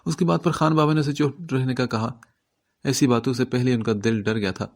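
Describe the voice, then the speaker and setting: A man reading a novel aloud as an audiobook narrator, with a steady storytelling delivery. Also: mid-range voice.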